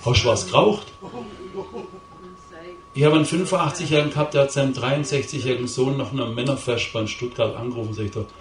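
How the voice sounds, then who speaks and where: A man's voice: medium pitch, steady tone, racing, hardly any pauses. A middle-aged man speaks to a crowd in a roomy hall, and his voice carries from some distance from the mic. He tells a confessional story with intensity and hammers home key words by repeating them. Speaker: lay preacher giving his testimony. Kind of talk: emotional testimony speech to a live audience.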